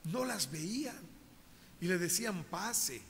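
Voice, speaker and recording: High bright-voiced preacher. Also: male voice, a little slow, slight background noise. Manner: animated storytelling, addresses congregation directly. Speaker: pastor. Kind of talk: sermon. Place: church. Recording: reverberant church hall.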